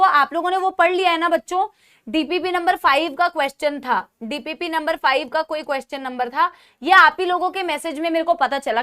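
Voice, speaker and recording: With a very high voice and a sharp tone, a woman with a sore throat teaches biology live online. Her Hindi is mixed with English, her students are "beta" to her, and "theek hai?" follows almost every point she makes.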